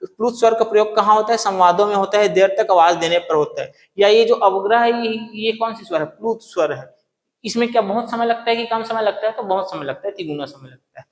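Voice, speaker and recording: A man's voice: high voice, fairly quick. A male teacher giving a grammar lesson, asking and answering his own questions and repeating key terms. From Chhattisgarh, India. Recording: echoey room with long reverb.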